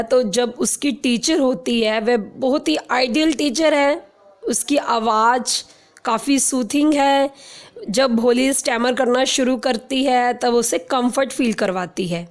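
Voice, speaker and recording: A young woman teacher, her voice pitched a touch high. She reads each line at a very slow, dictation-like pace, then explains it more quickly in Hindi. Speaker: teacher explaining a school chapter.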